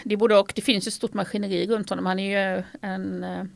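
Forthright woman with a gravelly voice. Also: medium pitch, no echo. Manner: forthright and animated, tells anecdotes. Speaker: sports journalist guest. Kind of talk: interview conversation.

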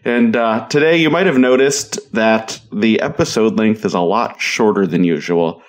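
A man in his thirties with a fairly low voice hosts a podcast on his own. He talks casually and directly, in an encouraging, motivational way. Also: moderate pace. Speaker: podcast host.

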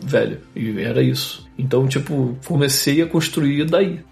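A Brazilian man speaking Portuguese as a podcast guest, chatting casually in a relaxed, rambling way and often correcting himself mid-sentence. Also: mid-range voice, moderate pace, creaky, soft background music. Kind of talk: casual interview chat.

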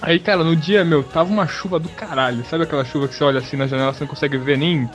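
A man telling a story in casual chat, lively and slangy, laughing along as he goes. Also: fairly high pitch, racing, faint music behind. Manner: lively, slangy, laughs through his stories. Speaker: podcast guest, student pilot.

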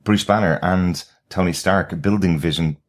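Very deep-voiced man reviewing a film. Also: moderate pace. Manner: animated, speculative retelling of scenes. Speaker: podcast co-host. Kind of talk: casual film review chat.

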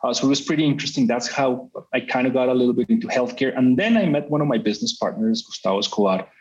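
Middle-aged executive from Colombia, rambling interview answers heavy on fillers, mid-pitched, dull-sounding recording. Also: male voice, fast, a little mellow. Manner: talkative, full of "you know" fillers and restarts. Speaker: company CEO. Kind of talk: business interview. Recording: slightly muffled sound.

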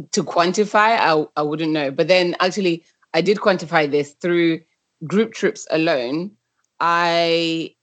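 Speaking as a podcast guest, this travel brand founder answers casually, reworking her phrasing while she thinks out loud. Her voice is low and the recording is dry. She comes from Zimbabwe and spent part of her upbringing in the UK after relocating at about ten.

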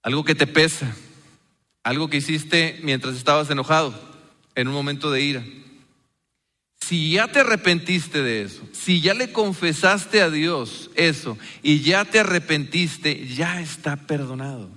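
A man's voice: a little high, measured pace, sharp tone, in a large hall. A man preaching a sermon, speaking earnestly and putting rhetorical questions to his congregation. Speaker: pastor.

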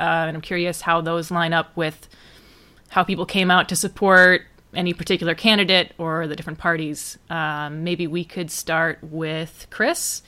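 A woman's voice: lowish voice, bright, forceful tone. A woman hosting a podcast, asking questions in a wry, conversational way. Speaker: podcast host.

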